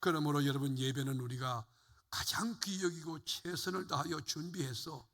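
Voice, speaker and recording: Older pastor preaching in a reverberant sanctuary. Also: male voice, fairly high pitch, moderate pace, fairly bright tone. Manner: fervent preaching, rising and falling emphasis, addresses congregation. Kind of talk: sermon. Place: church sanctuary. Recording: long hall reverb.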